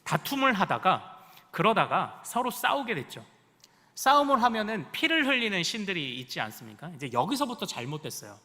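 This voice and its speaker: A man's voice: high-pitched, sharp tone, big-room sound. A male pastor preaching a sermon in a church sanctuary, with rising emphasis and questions put to the congregation. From Korea.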